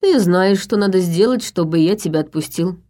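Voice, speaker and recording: A woman's voice: lowish voice, moderate pace, mellow, lightly acted. A woman voicing a possessed young man who taunts his captive in a cold, mocking way, in an audiobook. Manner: taunting, menacing.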